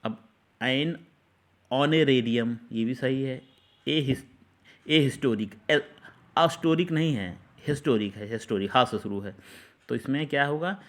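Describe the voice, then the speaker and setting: A man's voice: mid-range voice, a little slow, pauses often. A man teaching an English grammar lesson, explaining step by step, repeating words and asking the class questions.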